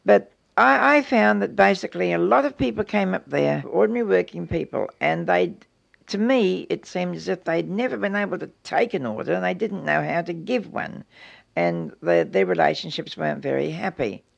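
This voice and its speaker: A man with a raised, very gravelly voice speaks in a blunt, matter-of-fact way. The sound is muffled like an old archive tape. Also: high-pitched, normal speed. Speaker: interviewee. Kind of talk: reflective interview.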